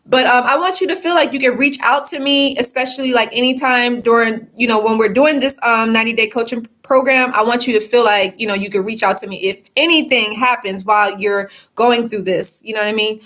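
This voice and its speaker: High-voiced woman coach rambling casually. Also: brisk, hardly any pauses, fairly bright tone. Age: 30s. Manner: rambling, many fillers like "you know" and "like". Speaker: life coach. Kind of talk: casual livestream talk to viewers.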